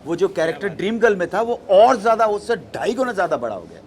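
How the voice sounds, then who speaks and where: A middle-aged man at a press event, answering reporters' questions in a deliberate, explanatory way and dropping English terms into his answers. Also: high-pitched, big pitch swings.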